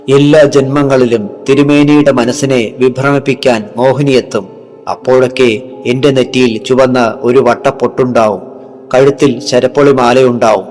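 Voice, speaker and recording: A man voicing a vengeful, seductive female yakshi spirit in a horror story narration, speaking in an urgent, commanding hush. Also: mid-range voice, natural voice. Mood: ominous. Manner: urgent, commanding hushed speech.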